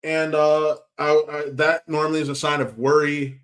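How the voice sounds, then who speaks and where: A man's voice: on the high side, little pitch movement, normal speed, fairly bright tone. A man hosting a casual film review channel, talking in a chatty, rambling way with asides and restarts. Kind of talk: casual movie review talk.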